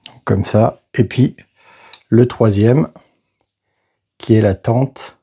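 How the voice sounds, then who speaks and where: A man casually narrating a board game unboxing, hesitant and halting, filling pauses with little interjections as he handles each piece. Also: fairly low pitch, steady tone, mellow, slightly rough. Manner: slow, hesitant, narrates each step with "voilà" and "hop".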